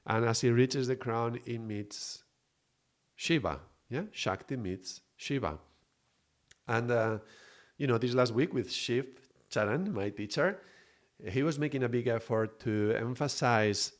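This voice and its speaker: Male teacher, lowish voice, calm and reflective, talks to live viewers. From Mallorca, Spain. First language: Spanish. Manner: reflective, unhurried, greets viewers by name. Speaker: spiritual teacher streaming live. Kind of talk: live-stream spiritual teaching.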